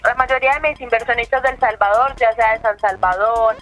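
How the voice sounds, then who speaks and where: A woman with a Colombian accent making a persuasive, reassuring sales pitch as an account manager over the phone. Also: steady tone, a little fast, a bit bright, faint music behind. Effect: heard over a phone call. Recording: phone call played on speakerphone.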